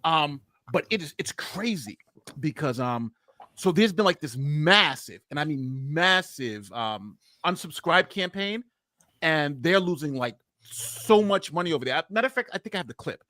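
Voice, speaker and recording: Man, lawyer on a panel chat, high voice, swinging wildly up and down, rambling and laughing, dry close sound. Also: normal speed, dry recording. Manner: animated, rambling, laughs often.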